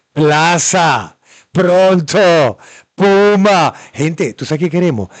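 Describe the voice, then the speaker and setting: A man with a Puerto Rican accent hosting a show, talking in a casual, animated way and repeating words for emphasis. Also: medium pitch, no echo. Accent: Puerto Rican Spanish. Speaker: show host. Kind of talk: casual commentary to camera.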